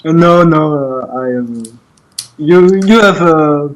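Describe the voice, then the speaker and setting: A man with a French accent, a guest on a gaming podcast, speaking haltingly with many fillers. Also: a little high, rough recording. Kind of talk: casual gaming podcast chat.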